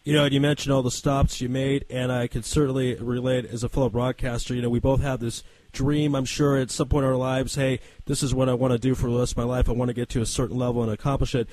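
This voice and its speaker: A man's voice: medium pitch, flat delivery, quick pace, a little mellow, poor audio. A man hosting a sports radio show, asking questions in a friendly, conversational way with small hesitations. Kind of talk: radio interview.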